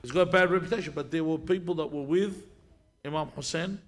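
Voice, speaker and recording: Speaking fast in a voice on the high side, this Lebanese man in his thirties is a sheikh and guest speaker in a live discussion. He fields questions and tells stories conversationally, with many restarts.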